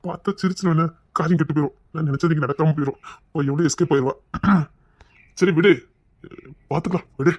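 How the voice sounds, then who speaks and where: A man's voice: fairly high pitch, steady tone, racing. A man teasing his wife in a casual couple chat, stalling and holding back laughter. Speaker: husband in a couple vlog.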